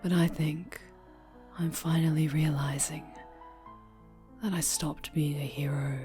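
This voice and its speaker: A woman's voice: deep voice, steady tone, a little slow, soft background music. A woman playing a whispering possessive villainess. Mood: menacing whisper. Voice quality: soft breathy whisper. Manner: taunting, cloying, menacing. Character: possessive fallen-hero woman villain with shadow powers. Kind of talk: whispered audio roleplay.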